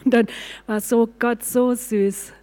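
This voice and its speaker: High-voiced woman testifying in a reverberant hall. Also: slow. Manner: lively storytelling, acting out quoted dialogue. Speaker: church speaker giving a testimony. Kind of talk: personal testimony to a congregation.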